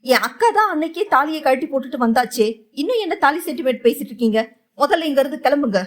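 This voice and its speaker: A woman voicing a fierce, outspoken young woman in an audio novel, giving sharp, defiant retorts. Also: on the high side, fairly quick, natural voice.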